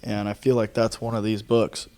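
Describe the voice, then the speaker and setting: A man's voice: on the low side, level tone, moderate pace, a little mellow. A young man hosting a casual fireside book chat, tired and rambling, swearing freely with sighs and yawns. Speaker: podcast host.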